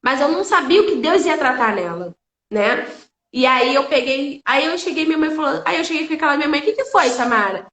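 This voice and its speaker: A woman's voice: sits high, lively intonation, a little fast, a bit bright, roomy sound. A woman giving an earnest, emotional faith testimony on a live stream, repeating phrases for emphasis.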